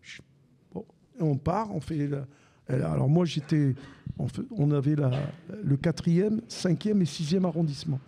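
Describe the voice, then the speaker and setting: An older man with a Marseille accent, telling lively anecdotes as a podcast guest and acting out the dialogue. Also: on the high side, moderate pace, creaky, slightly rough. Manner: animated anecdotes with repeated restarts and acted-out dialogue. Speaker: guest, former sports radio commentator. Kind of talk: storytelling in a live podcast conversation.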